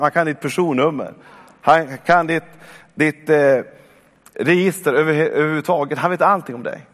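Man in his forties preaching in a reverberant hall. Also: a little high. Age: 40s. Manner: warm, exhortative, with repeated calls of "come on". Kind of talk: sermon. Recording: long reverb of a church hall.

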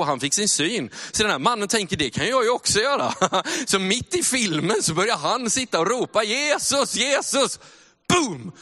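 Male missionary preacher, bright tone, storytelling sermon, long church-hall reverb. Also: sits high. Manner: storytelling with laughs and rising fervor.

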